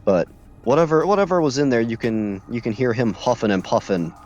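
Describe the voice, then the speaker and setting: A congested man narrating as game master, halting with many restarts and fillers, who keeps clearing his throat. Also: medium pitch, animated, darkish tone, lo-fi sound.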